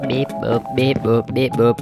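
A deep-toned little robot creature, put on by a woman, that talks only in chanted beep and boop sounds, steady and unhurried. It sounds like a cartoon game character, with music playing behind it. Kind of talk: animated game cartoon voicing.

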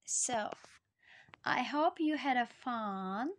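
Woman reading a kids picture book out loud, high voice, super slow and sing-songy. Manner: slow, expressive, addresses children directly. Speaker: storyteller reading to children. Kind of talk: children's storybook read-aloud.

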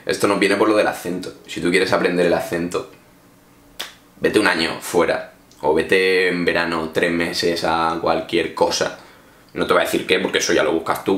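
Deep-voiced Spanish man giving casual advice. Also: a bit bright, reverberant. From Spain. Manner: chatty, direct, addresses viewers informally. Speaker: English teacher vlogger. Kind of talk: casual advice talk to camera.

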